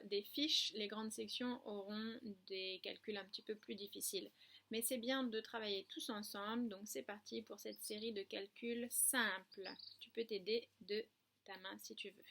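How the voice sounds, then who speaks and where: A woman teaching a lesson to young children from a distance, patient and clear, stressing syllables and spelling words out letter by letter. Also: medium pitch, fairly bright tone. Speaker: kindergarten teacher. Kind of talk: remote classroom lesson.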